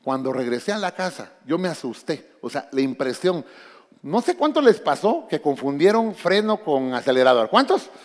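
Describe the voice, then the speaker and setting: Animated male pastor preaching in a hall. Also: a little high, moderate pace. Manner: animated preaching, calls out to congregation. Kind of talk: sermon. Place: church.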